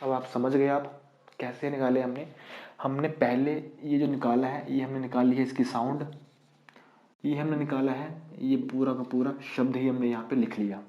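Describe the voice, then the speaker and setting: A man's voice: mid-range voice, flat delivery, moderate pace. Male teacher quizzing his class, roomy. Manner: explains step by step, asking and answering his own questions. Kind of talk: online exam-prep lesson. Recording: dull, roomy lo-fi recording.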